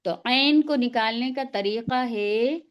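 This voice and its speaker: A woman with a fairly high voice leads an online pronunciation class over a video call. She speaks patiently and sounds out each letter slowly so her students can copy it. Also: smooth, dull audio. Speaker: tajweed teacher.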